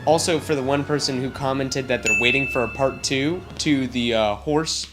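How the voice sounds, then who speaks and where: With loud music behind him, a twenty-something vlogger speaks to camera at a moderate pace in a mid-range voice. He's casual, self-deprecating and prone to rambling, starting out in the summer heat outdoors and later moving inside.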